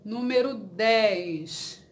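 A woman teacher with a Brazilian Portuguese accent, giving a dictation lesson and encouraging advice to her students. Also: medium pitch. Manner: slow, deliberate dictation with repeated words; encouraging, reassuring tone.

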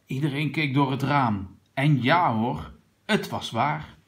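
A man reading a children's picture book aloud to a young child, gently pointing out what is in the pictures. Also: mid-range voice, takes it slowly. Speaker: reader of a children's story.

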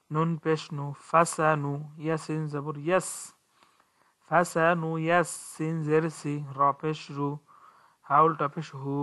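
A man with a Bangladeshi Bengali accent gives a recitation lesson at an unhurried pace. He spells out every letter and vowel, then recites the verse in a drawn-out way. His voice is bright and clear, and his pitch stays flat and steady. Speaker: Quran recitation teacher.

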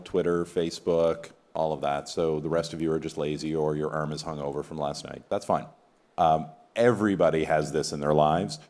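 A middle-aged man speaking on a conference panel in a relaxed, conversational way, polling the audience now and then. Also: low voice. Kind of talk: conference keynote panel talk. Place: conference hall stage, in front of an audience. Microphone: table mic on a stand.

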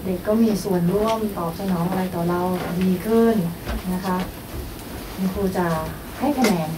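A woman's voice: mid-range voice, steady tone, unhurried, distant mic, noisy background. A woman coaching a teacher through a goal, guiding her with prompting questions. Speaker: workshop coach. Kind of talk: coaching dialogue.

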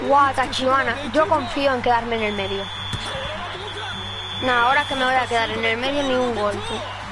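A woman with a Spain Spanish accent doing casual, energetic, excitable commentary as a live game streamer. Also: sits high, normal speed, over music, poor audio.

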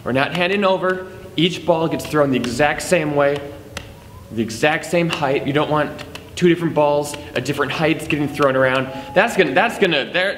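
A young man with a slightly high voice gives a juggling lesson and keeps cracking jokes at the viewer. The room is echoey with a long reverb tail. A faint hiss of noise sits under his voice. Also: fairly bright tone. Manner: playful, jokey teacher chatting to the viewer. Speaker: juggling instructor. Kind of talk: instructional video.

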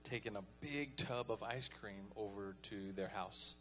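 A man's voice: lowish voice, measured pace, pushed and bright, soft background music. A man preaching a folksy, conversational sermon as pastor, calling on the congregation to respond.

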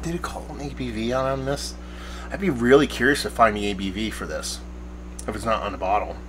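A man's voice: fairly low pitch, fairly quick, a bit bright, a little hiss or hum, rough recording. A bearded man in his forties giving a casual, rambling beer review to camera from a small shed studio, often searching for words. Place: backyard shed studio at night, small room.

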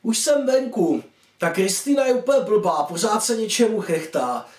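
A man's voice: sits high, voice pushed up. A man voicing a chatty, bubbly teenage girl on the phone. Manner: bubbly, excited. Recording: echoey room, distant mic.

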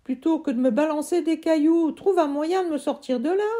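A woman's voice: sits high, normal speed, mellow, voice pushed up, natural voice. Woman voicing a cheeky boy trapped in a tree. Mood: urgent.

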